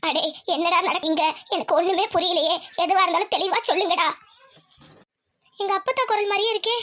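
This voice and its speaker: Cartoon granny, old and fussy, shrill and very high, rustic and scolding. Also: female voice, brisk, fairly bright tone. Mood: bewildered. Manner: scolding, rustic village talk. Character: fussy old village grandmother. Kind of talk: cartoon voice acting.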